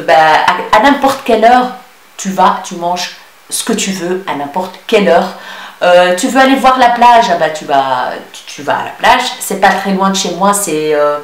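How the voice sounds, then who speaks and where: A woman's voice: medium pitch, echoey room. A woman with a mixed Tunisian-Belgian French accent, a beauty vlogger answering viewer questions in a casual, affectionate chat full of hesitant fillers.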